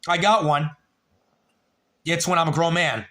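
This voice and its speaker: A man's voice: on the high side, measured pace, sharp tone. A man in his late thirties hosting a livestream, telling a rambling, profane story and talking to chat viewers by name. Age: 30s. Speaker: livestream host.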